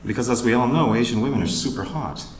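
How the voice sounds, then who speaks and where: A man moderating a panel at a conference, opening with wry, teasing jokes and pausing for laughs. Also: mid-range voice, echoey room, heavy background noise. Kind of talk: joking conference emcee remarks. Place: conference hall with live audience.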